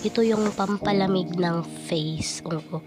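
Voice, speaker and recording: A woman with a cold and a cough, speaking through a voice changer that pitches her voice down. She chats casually to viewers while narrating a morning routine. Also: steady tone, takes it slowly. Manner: chatty, addresses viewers as guys. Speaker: vlogger. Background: loud background music.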